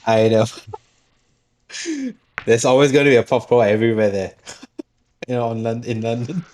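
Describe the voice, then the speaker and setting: A man's voice: medium pitch, fairly even intonation, moderate pace, darkish tone. A man from Singapore chatting casually as a guest, hesitant, often repeating words and laughing. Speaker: project guest. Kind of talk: casual chat.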